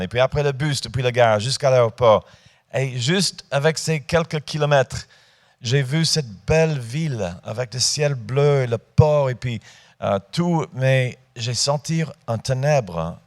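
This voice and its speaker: A man in his fifties preaching a sermon in a church, talking informally with hesitations and rising to emphatic points. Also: mid-range voice. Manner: rises to emphatic, lifted delivery on key points.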